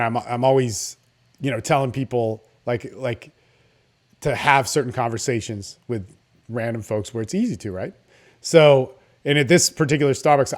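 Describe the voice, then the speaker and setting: A man giving informal coaching advice in a confident, salesy, casual way, often checking in with "right?". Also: medium pitch. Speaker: dating coach.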